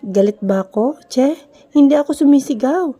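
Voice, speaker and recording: A woman's voice: high-pitched, animated, moderate pace, dark tone. A woman voicing a lovesick young woman who pleads emotionally with the man she loves. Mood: pleading.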